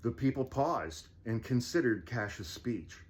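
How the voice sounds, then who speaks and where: A man reading a children's storybook aloud as fireside storytelling, theatrical and deliberate, with casual asides. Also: mid-range voice, animated. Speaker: storybook reader.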